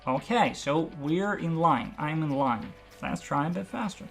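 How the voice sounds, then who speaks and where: A speech coach giving an articulation lesson, demonstrating drills with deliberate, stretched and stressed words. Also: medium pitch, expressive, gravelly, over music.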